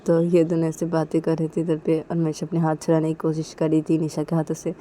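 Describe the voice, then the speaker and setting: A woman's voice: sits low, completely flat delivery, fast talker, dark tone, slight background noise. A woman narrating a romantic story casually, retelling each action plainly and repeating names often.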